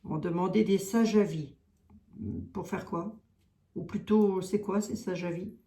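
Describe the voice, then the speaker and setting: Woman tarot reader, Lorraine accent, medium pitch, casual hesitant reading in an echoey room. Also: steady tone, a little slow, warm tone. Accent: Lorraine French. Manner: thinks aloud, questions the cards, many hesitations. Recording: roomy echo.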